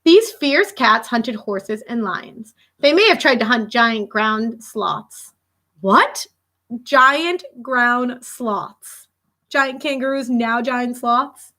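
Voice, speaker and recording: With a voice on the high side, this woman teacher takes her time reading a kids' book to young listeners. She reads emphatically and expressively, tossing in questions and side comments as she goes.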